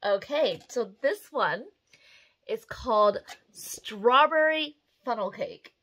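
A woman's voice: a little high, slow pace, rough recording. A woman chats casually and expressively to the camera in a small room at home. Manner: chatty, expressive. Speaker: host of a candle review video, mother.

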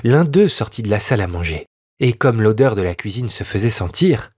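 Husky man reading a fairy tale. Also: fairly low pitch, big pitch swings, fairly quick, darkish tone, dry recording, studio quality. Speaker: audiobook reader. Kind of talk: scripted storybook narration.

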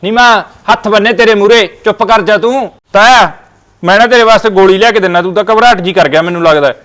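Soothing village nephew, punjabi accent, rapid high voice. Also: male voice, fairly bright tone. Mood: placating. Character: soothing young nephew who calms the family.

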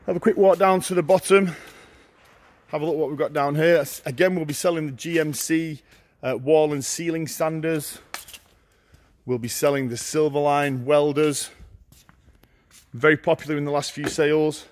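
A middle-aged man walking through a large warehouse, listing auction lots in short, brisk phrases as he goes. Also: on the high side, steady tone. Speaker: auctioneer giving a viewing tour. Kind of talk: walking tour commentary. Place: large indoor warehouse with shelving.

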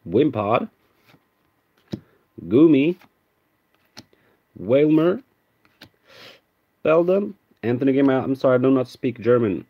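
This card-opening streamer from Sweden speaks in a husky, medium-pitched voice that is very animated yet slow, with frequent pauses. Chatting casually on a lo-fi live stream in an indoor room with a card display, he reads out viewer names and calls out cards as he pulls them, his Swedish accent carrying an American tinge.

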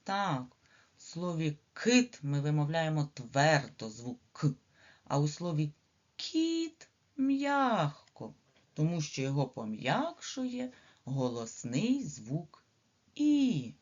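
A woman with a Ukrainian accent teaches letters and sounds to small children, her low voice swooping up and down in a lively sing-song. She speaks slowly and stretches out syllables for the children. The recording is a little dull and lo-fi. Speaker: preschool teacher. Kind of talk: early literacy lesson for small children.

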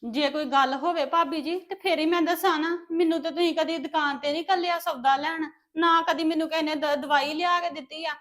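A woman's voice: sits high, steady tone, brisk, few pauses, fairly bright tone. A woman playing a pleading young accused daughter. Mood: defensive. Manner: pleading, tearful.

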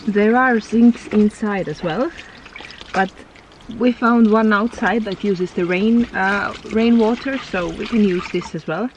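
A woman with a mid-range voice talks to camera at a measured pace for her casual hiking vlog, filmed outdoors on a mountain trail. Chatty and relaxed, she often laughs between remarks, with slight background noise audible.

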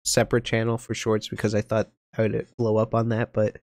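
A man's voice: fairly low pitch, completely flat delivery, a little fast, a little mellow, dry recording, clean studio sound. A young man streaming a game, chatting casually, flustered and rambling with lots of ums and restarts. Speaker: gaming streamer. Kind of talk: casual live-stream chat.

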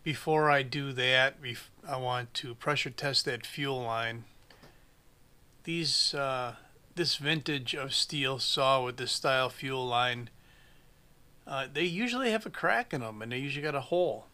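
In a mid-range, bright and forceful voice, a forties-aged small engine mechanic narrates a chainsaw repair at his bench without hurrying. He's plain-spoken with dry humor and thinks out loud as he works.

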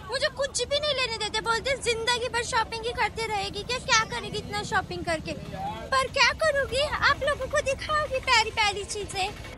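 A young woman from India talking to her phone camera in a chatty, playful, self-mocking way, loud and fast while walking through a market. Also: extremely high pitch. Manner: talks loud and fast over traffic in the market. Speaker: vlogger. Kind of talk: casual travel vlog. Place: outdoor market street. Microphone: handheld phone camera. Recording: traffic noise behind.

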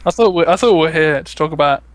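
A man guest on a gaming podcast, making deadpan jokes in casual banter. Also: a little high, fast, dry recording.

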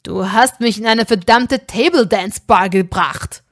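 A woman's voice: medium pitch, animated, slow pace, dry recording, clean studio sound, pitched below the performer's own voice. A woman voicing an irritable young male wizard who hisses and snaps in a storybook reading. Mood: furious. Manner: growling, hissing, curt.

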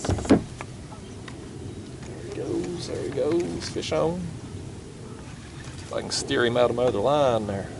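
A man's voice: medium pitch, lively intonation, slow, gravelly, long pauses. A young man, talking casually to camera from a kayak on a foggy river, easygoing and chatty. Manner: easygoing, chatty, drawls "y'all" and "ain't". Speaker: fishing vlogger. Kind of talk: casual talk to camera while fishing. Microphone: action camera mounted on the kayak. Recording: faint outdoor river noise.

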